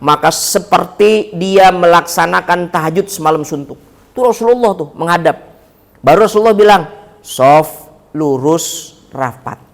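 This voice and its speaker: A man giving a chatty, joking sermon in a mosque, often turning to the listeners with questions. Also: high-pitched. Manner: chatty, joking, addresses the audience directly. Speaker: preacher.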